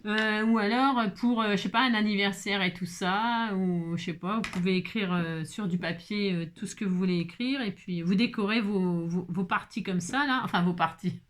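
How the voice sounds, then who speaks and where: A talkative woman walks viewers through a papercraft project in an easygoing tutorial. She jokes often and keeps checking in with her audience through little filler tags. Her voice sits in a middle pitch range. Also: moderate pace, few pauses. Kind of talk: casual chatty craft tutorial.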